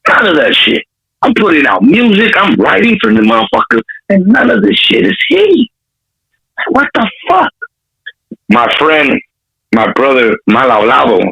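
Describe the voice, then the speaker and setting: Over poor audio, a Compton rapper with an urban Los Angeles accent tells stories animatedly in a casual interview, using street slang and swearing a lot. His medium-pitched voice is creaky, pushed, bright, and slightly rough.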